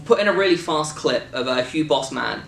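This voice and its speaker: A British filmmaker and co-host, his voice a little high, gravelly and a bit bright, chats casually and jokily about a film shoot. He's animated, a little fast, and rambles with lots of fillers. He's recorded from a distance in an echoey room with faint noise.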